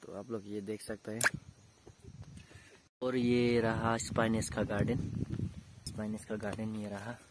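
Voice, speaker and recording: A young man narrates a relaxed tour of his farm, naming each plot in turn in a low, even voice that barely rises or falls. He films outdoors on a phone held at arm's length, with faint outdoor noise behind him. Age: young adult. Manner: plain, unhurried, points things out one by one. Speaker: farm vlogger. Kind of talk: casual walking tour narration. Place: hillside vegetable farm outdoors.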